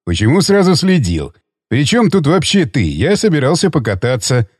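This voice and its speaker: A man voicing a vengeful young male surfer in an audiobook, with a taunting, drawling delivery in a deeper voice than his narration. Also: very animated, moderate pace, slightly rough, no echo, clean studio sound. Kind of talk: audiobook character reading.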